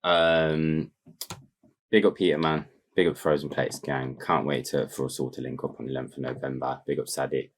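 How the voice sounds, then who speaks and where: A young man with an extremely low, deep voice. He co-hosts a podcast in relaxed, slang-filled casual chat. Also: moderate pace. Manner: laid-back slang-heavy banter. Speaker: podcast co-host.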